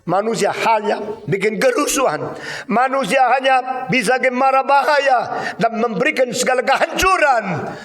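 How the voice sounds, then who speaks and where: An older man preaching a sermon as pastor, slow and deliberate, stressing each phrase and repeatedly addressing his listeners. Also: very high voice, expressive, a bit bright, roomy sound.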